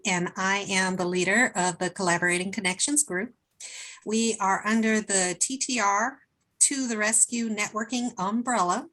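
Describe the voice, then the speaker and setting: A woman leads a networking meeting over a video call, her tone bright and forward. She talks in an upbeat, chatty way, pausing on fillers as she welcomes everyone. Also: mid-range voice, low-quality recording. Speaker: host, networking group leader.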